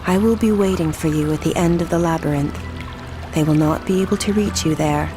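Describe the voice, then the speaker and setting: A woman acts out a night hag spirit in a fantasy game. The delivery is soft, confident and formal, measured like a calm guide, with clear music underneath. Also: deep voice, close to an everyday voice.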